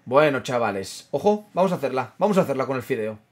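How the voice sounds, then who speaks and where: A gaming streamer chats casually while playing a football management game, his mid-range voice expressive and fast. He banters, mutters to himself, and reads the chat out loud as he comments on the gameplay.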